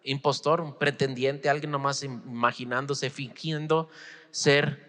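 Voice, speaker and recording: A native English-speaking pastor in his forties gives a conversational expository sermon in Spanish, his second language, acting out imagined dialogue and asking his listeners rhetorical questions. His mid-range voice is level, unhurried, and fairly bright, and the hall he's in echoes at length.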